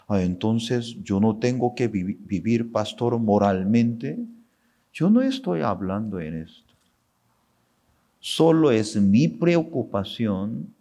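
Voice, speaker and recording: A man's voice: lowish voice, warm tone. A male pastor preaching a sermon with emphatic exclamations, acting out voices of the people he quotes. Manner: acts out quoted dialogue in the talk. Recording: long hall reverb.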